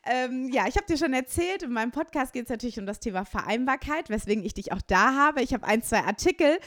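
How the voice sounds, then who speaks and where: A woman's voice: sits high, animated, fast, fairly bright tone. A woman hosting a podcast interview, asking long rambling questions with many fillers. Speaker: podcast host. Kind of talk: casual interview talk.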